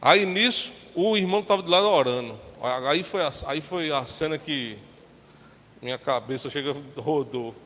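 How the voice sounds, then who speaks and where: A man's voice: on the high side, normal speed, fairly bright tone. A man from Brazil, a pastor, preaching a sermon in a colloquial, chatty storytelling manner, acting out the people in his story. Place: church sanctuary. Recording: long church hall reverb, faint background hiss.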